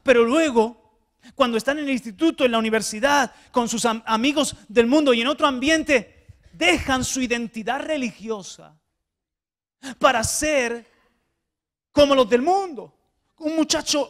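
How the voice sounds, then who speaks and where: A male pastor preaching a sermon to a congregation, swinging hushed tones to loud exhortation and often repeating small words. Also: extremely high pitch, measured pace. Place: church before a congregation.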